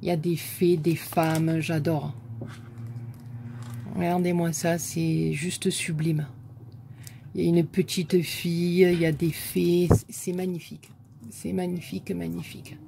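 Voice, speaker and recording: A woman with a southern French accent, a scrapbooking vlogger softly admiring crafts one by one in a casual show-and-tell chat. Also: lowish voice, little pitch movement, takes it slowly, vocal fry, slight background noise.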